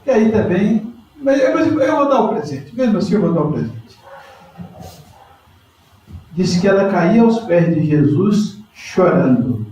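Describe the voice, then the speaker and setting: A pastor delivers a lively sermon and calls on members of his congregation by name. His voice is fairly high for a man. He is heard from a distance in a strongly reverberant church hall. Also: measured pace, pauses often, lo-fi sound, slight background noise.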